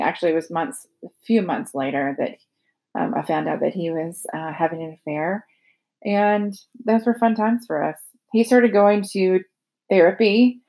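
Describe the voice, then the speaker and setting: A middle-aged woman with a slightly low voice introduces a podcast guest. She talks conversationally and haltingly, working out her wording as she goes. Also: vocal fry, a little mellow. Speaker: podcast host. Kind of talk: casual spoken introduction of a guest.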